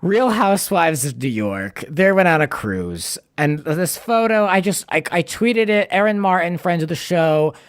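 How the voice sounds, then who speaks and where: A man's voice: sits high, animated, a little slow, few pauses, clear, resonant tone, dry recording, clean studio sound. A man hosting a podcast, chatting casually about reality TV with lots of fillers and easy laughter. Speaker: podcast host. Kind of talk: casual chat.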